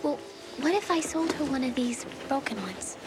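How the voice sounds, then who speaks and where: An actress playing a kind, helpful woman working as a shop clerk, speaking gently and naturally in a screen drama. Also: sits high, animated, moderate pace, loud music behind the voice. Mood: businesslike. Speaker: shop assistant.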